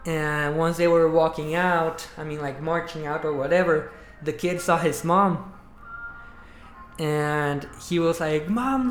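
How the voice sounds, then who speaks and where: A man chatting casually on a live stream, rambling with many fillers. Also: fairly high pitch. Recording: roomy with faint music.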